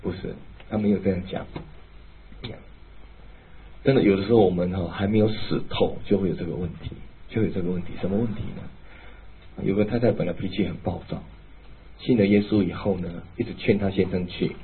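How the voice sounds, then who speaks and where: A male pastor preaching a sermon, emphatic and animated, then dropping to a hushed, low tone. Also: quick pace. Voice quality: very husky. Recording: tinny phone-like, lo-fi.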